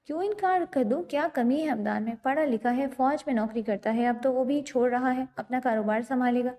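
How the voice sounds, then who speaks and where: A woman's voice: high voice, dark tone. A woman voicing a strict middle-aged mother who scolds and lectures her daughter. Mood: scolding.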